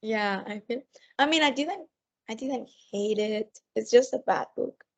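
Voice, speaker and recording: A woman chatting casually as a podcast co-host, with a thick, sore-throat voice and a halting delivery that often repeats words. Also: a little high. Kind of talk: casual chat.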